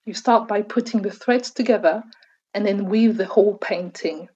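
A woman reading an interview translation as a calm voice-over. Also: mid-range voice, moderate pace, breathy edge, muffled recording.

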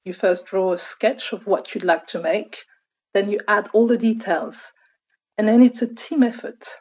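A woman reading an interview translation as a calm voice-over. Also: mid-range voice, normal speed, slightly rough.

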